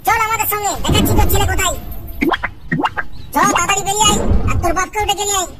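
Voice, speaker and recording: Angry cartoon villager, shrill and rapid woman voicing, over loud music. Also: steady tone, some chatter behind. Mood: furious. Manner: shouting, threatening, rapid. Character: furious loud adult village man, threatening.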